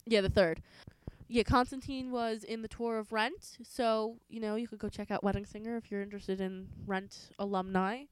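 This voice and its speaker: Chatty young woman, smooth close voice. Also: medium pitch, fairly even intonation, moderate pace, no echo, poor audio. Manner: chatty storyteller, many "like" fillers. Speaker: podcast co-host. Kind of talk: casual chat.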